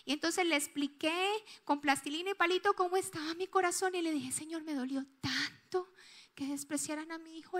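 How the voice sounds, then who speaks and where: High bright-voiced Colombian woman preaching. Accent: Colombian Spanish. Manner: emotional storytelling, swinging between loud outbursts and hushed tones. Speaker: pastor. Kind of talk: sermon.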